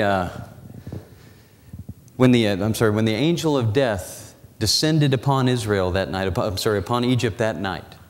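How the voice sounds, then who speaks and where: A man in his forties preaching a sermon in a church, walking the platform and slowing down, dropping his voice low for dramatic emphasis. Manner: walks the platform, gesturing as he preaches. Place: church sanctuary. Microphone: lapel mic and pulpit mic. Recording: church hall reverb.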